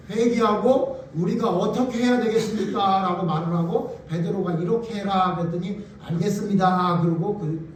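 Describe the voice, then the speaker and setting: A male pastor delivers an emphatic sermon in a high voice, throwing question after question at his listeners. His voice rings through a very reverberant church hall. It is picked up from a distance, with a faint hum underneath. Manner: emphatic, fires rhetorical questions at the congregation. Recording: very echoey hall, voice from far off.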